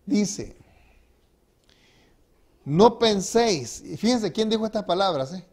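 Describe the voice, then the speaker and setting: A pastor preaches in a fairly high voice to his congregation. He swings between emphatic, rising phrases and quieter drops, and he keeps asking the room rhetorical questions. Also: animated, normal speed. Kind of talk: sermon. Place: church sanctuary.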